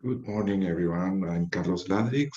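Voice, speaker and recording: A man's voice: low-pitched, moderate pace, warm tone. A man introducing himself on a video call, hesitant and repeating words. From Chile. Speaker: research agency division head, course participant. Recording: muffled lo-fi audio.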